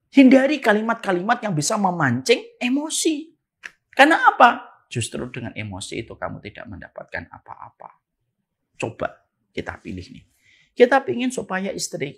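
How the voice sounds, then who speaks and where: A woman giving an Islamic sermon, shifting between soft low passages and sharp louder points. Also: slightly rough. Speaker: preacher.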